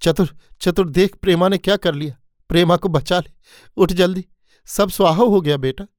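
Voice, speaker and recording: A man voicing a quick-tempered, bitter middle-aged mother in a spoken story, scolding her son and his wife. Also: medium pitch, expressive, no echo, studio quality, close to an everyday voice. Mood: frantic.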